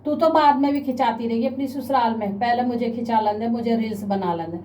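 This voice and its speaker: A woman's voice: fairly high pitch, quick pace, mellow, close to an everyday voice. A woman voicing a brash middle-aged mother who shoos her daughter away in a curt, commanding way. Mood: dismissive. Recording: a bit distant, faint background noise.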